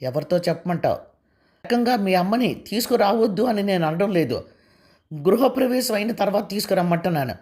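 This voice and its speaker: A woman voicing a sharp-tongued, proud young wife who talks in a raised, cutting way. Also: mid-range voice, lively intonation, a little fast, voice pushed up, close to an everyday voice. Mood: scornful.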